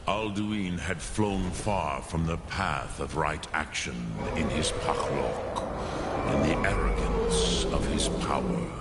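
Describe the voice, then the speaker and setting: An actor playing an ancient, wise, melancholy male dragon in a fantasy game, speaking gravely and formally with a deep gravelly voice. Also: full character voice. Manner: slow, grave, formal, archaic phrasing. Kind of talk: fantasy video game dialogue. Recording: loud rumbling noise behind the voice.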